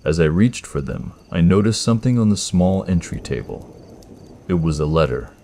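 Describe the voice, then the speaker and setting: A man narrating a first-person horror story in a tense, measured scripted style. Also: deep voice, animated, mellow, a little hiss or hum.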